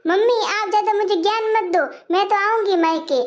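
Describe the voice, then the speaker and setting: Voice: extremely high pitch, moderate pace. A performer playing a nagging grown daughter who scolds and complains in a comic family skit. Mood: indignant. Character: nagging grown daughter, sharp-tongued and bossy.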